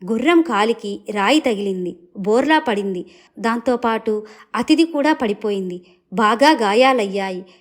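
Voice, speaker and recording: A woman audiobook narrator telling a fairy tale in a measured, expressive storytelling manner. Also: fairly high pitch.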